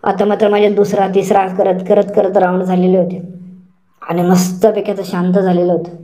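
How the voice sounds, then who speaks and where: Woman narrator for an adult story: even, flat delivery, slow, repeats words. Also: medium pitch. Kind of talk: first-person erotic story narration.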